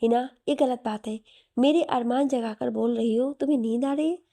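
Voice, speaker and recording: A woman's voice: fairly high pitch, steady tone, moderate pace, mellow, dry recording, studio quality, lightly acted. A woman voicing a playful, affectionate young husband who teases and coaxes his wife in an audio story. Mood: teasing. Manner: teasing, coaxing.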